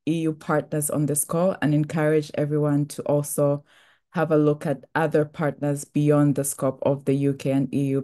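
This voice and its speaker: A young woman from Tanzania gives a webinar presentation on a scholarship program. Her voice sits low and mellow, and she talks in a measured way, often pausing on "um" and "uh". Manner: measured, with frequent "um" and "uh" fillers.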